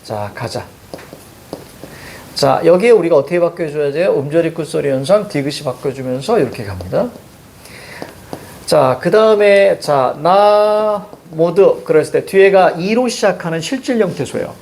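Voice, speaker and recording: A man's voice: fairly high pitch, big pitch swings, normal speed, creaky, darkish tone, a little hiss or hum. A man teaching a classroom grammar lesson, walking through pronunciation rules step by step.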